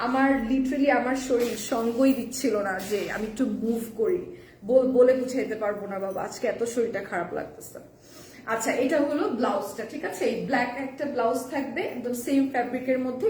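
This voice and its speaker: Hoarse woman host, chatty live seller, high voice, recorded from a distance with noise behind. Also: a little mellow, echoey room. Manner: chatty, reads viewer comments, mixes in English. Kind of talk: live-stream saree selling.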